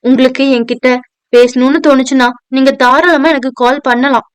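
A woman's voice: high voice, steady tone, fairly quick, clean tone, no room sound, close to an everyday voice. A woman playing a flustered, polite young woman. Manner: hesitant, respectful, addressing a superior. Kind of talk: audio novel dialogue reading.

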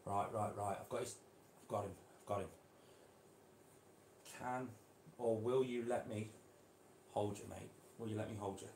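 A man keeping reptiles, chatting casually to viewers while gently coaxing and handling a snake indoors. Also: on the low side, steady tone, normal speed, pauses often, echoey room, a little hiss or hum. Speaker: reptile keeper vlogger. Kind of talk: casual vlog. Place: indoor room.

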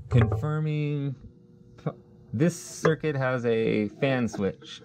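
Slight background noise accompanies a man whose voice is fairly low and darkish. An HVAC technician instructor, he gives a hands-on troubleshooting demo at a workshop bench with a test board, going step by step in a casual manner and thinking aloud while testing a circuit.

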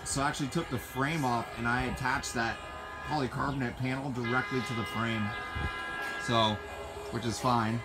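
A man's voice: mid-range voice, steady tone, moderate pace, loud music behind the voice. A man casually vlogging as he walks through his greenhouse and yard, upbeat and rambling, filmed on a handheld phone. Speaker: gardening vlogger. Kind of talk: casual walk-and-talk vlog. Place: backyard greenhouse and yard, outdoors. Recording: noisy outdoor phone recording. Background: outdoor ambience, passing train.

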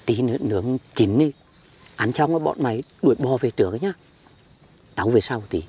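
A woman playing a stubborn, grumpy old village man in a comedy sketch, with a gruff, sheepish way of grumbling. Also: rumbling low, lively intonation, moderate pace, mellow, full character voice. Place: outdoors in a field.

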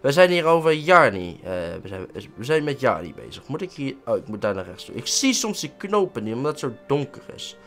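A man with a Dutch accent doing excitable let's-play commentary, swearing and yelping at every mishap. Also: mid-range voice, fairly quick, hardly any pauses, faint music behind. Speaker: gaming let's-play host.

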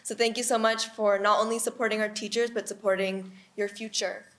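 A woman's voice: mid-range voice, level tone, fairly quick, noisy background. A young woman, a student MC, giving a fluent, earnest prepared speech at a podium. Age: young adult. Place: outdoor courtyard event, at a podium. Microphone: podium microphone.

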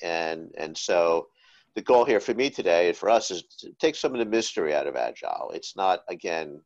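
A man's voice: low-pitched, animated, moderate pace, muffled recording. A man with a New Jersey accent speaking as a panelist on a video call, jokey and full of fillers. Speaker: panelist, agile HR coach.

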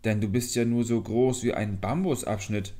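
A man's voice: fairly low pitch, steady tone, normal speed, dark tone, pitched above the performer's own voice, lightly acted. A man reading a storybook, voicing a practical young village woman who answers firmly.

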